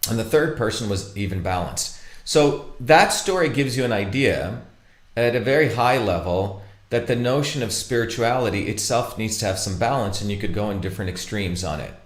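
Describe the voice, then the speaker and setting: A man from India, giving an informal lecture with stories, halting and full of fillers and restarts. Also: fairly low pitch, lively intonation, roomy sound. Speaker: speaker presenting a talk.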